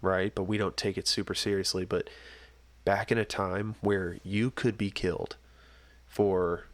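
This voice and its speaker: A young man co-hosting a casual podcast chat, animated and full of rhetorical questions, coughing now and then from a scratchy throat. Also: deep voice, unhurried, no echo. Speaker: podcast co-host.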